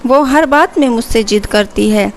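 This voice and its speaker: A woman's voice: on the high side, normal speed, a little hiss or hum, close to an everyday voice. A woman reading as an angry old mother-in-law. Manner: scolding, harsh.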